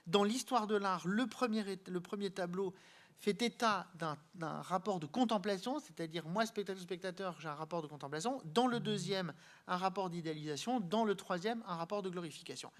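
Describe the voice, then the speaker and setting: Man, art history lecturer, live lecture, halting, searching for words, explanatory. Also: high voice. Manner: explanatory, addressing the audience directly.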